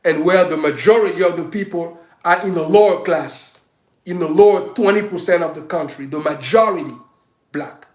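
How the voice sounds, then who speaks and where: Speaking at normal speed in a higher-leaning voice, a self-styled governor from Africa offers fiery political commentary over a livestream, restarting often for emphasis. The sound is rough, with an echoey room.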